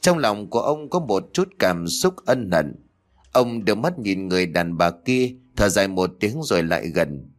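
A man reading a scripted horror story aloud in a slow, dramatic way. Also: sits low, big pitch swings, faint music behind.

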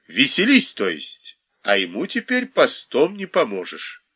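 Jolly drinker giving toasts, reader voices him, animated. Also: male voice, mid-range voice, measured pace, breathy edge, exaggerated voice. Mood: jovial. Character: hearty tipsy man making toasts.

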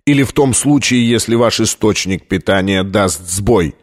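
A man's voice: on the low side, moderate pace, lightly acted. A man voicing a stern, ailing male lab director who speaks in a tense, clipped way in an audiobook.

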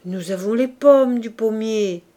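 A woman reading aloud and voicing a poor, frail old man in his eighties who gives quiet, resigned, short replies. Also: a little high, a little slow, natural voice.

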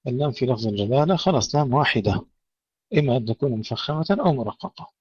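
A man teaching Quran recitation rules, slowly reciting verse examples and then explaining and correcting common mistakes. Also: medium pitch, lively intonation, a little mellow, husky, no echo, lo-fi sound. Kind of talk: tajweed lesson with recited examples.

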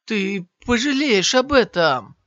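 A man voicing an arrogant clan warrior who shouts, his voice cracking high when he begs. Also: measured pace, clear, resonant tone, no echo. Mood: shocked, menacing. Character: arrogant clan warrior, male, turns terrified. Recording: slightly dull, dry lo-fi sound.

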